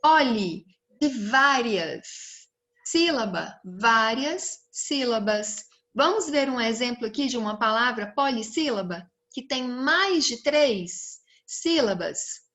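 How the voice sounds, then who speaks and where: A woman's voice: a little high, expressive, takes it slowly, sharp tone. A young Brazilian woman teaching a recorded lesson to children, stretching out words and asking the pupils questions. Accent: Brazilian Portuguese.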